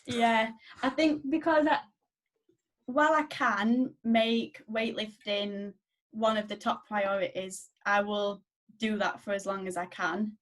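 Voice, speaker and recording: A woman's voice: mid-range voice, slow pace. Young english woman on a podcast, giggly and chill. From England. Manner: giggly, relaxed and modest. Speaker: guest weightlifter. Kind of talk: casual podcast chat.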